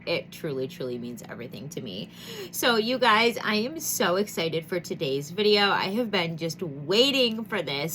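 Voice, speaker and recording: A beauty vlogger from Michigan, a woman in her thirties, opens a chatty makeup vlog in a bubbly, gushing, rambling way with plenty of fillers. Her mid-range voice is bright and forceful, though congested and nasal, in a rough recording with a little hiss or hum.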